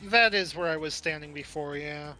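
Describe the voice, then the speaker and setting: Man, tabletop player, hesitant, thoughtful, bright voice. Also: on the high side, normal speed, faint music behind. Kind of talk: casual chat during a tabletop game.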